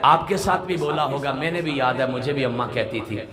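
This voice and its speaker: A man preaching an impassioned sermon, climbing from soft speech to near-shouted peaks and reciting verses, recorded live at a gathering. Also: mid-range voice. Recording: live gathering with audible crowd.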